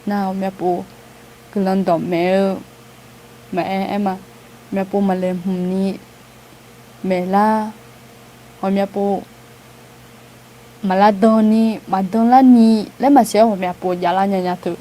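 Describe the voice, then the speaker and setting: A woman gives an informal outreach talk to a gathered group. Her voice is warm and mellow, and her delivery is chatty and unhurried, full of small hesitation sounds and light laughter. Faint ambient noise sits behind her. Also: medium pitch, fairly even intonation. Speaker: outreach speaker.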